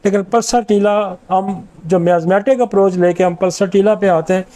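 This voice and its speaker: High-voiced man lecturing on remedies. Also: steady tone, mellow. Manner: confident, rattles off long lists of remedies. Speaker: homeopathic doctor lecturing. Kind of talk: informal medical lecture.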